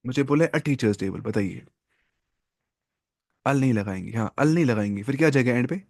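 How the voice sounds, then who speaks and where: A man's voice: medium pitch, animated, normal speed, vocal fry, darkish tone, no echo, clean studio sound. A man teaching an Arabic grammar class, who repeats key terms and keeps quizzing his students.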